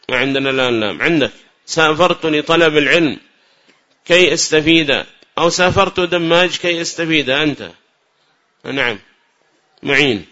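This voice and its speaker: A man leads a classroom grammar lesson, his voice bright and a little high. He explains patiently, repeats key points and questions his students. The recording is muffled and lo-fi. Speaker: grammar teacher.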